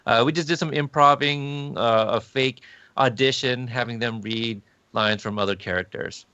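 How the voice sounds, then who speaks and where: A man's voice: medium pitch, fairly even intonation, moderate pace, pushed and bright, smooth, no echo. A man co-hosting a trivia live stream, easygoing and chatty, laughing along with guests. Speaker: co-host of a trivia show. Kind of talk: casual chat on a live stream. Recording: dry, dull lo-fi sound.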